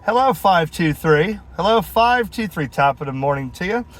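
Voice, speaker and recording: Expressive and high-pitched, with a slightly bright tone at normal speed, a man chats casually on a mobile CB radio from his vehicle. He's the video's host and a friendly operator fond of call signs and radio terms, with clear background sounds of the vehicle, radio noise, and clicks.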